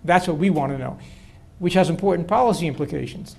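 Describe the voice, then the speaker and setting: A man's voice: a little high, fast, gravelly. An older man, a political science professor, answering audience questions at length in a lecture hall, with frequent restarts. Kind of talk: university lecture Q&A.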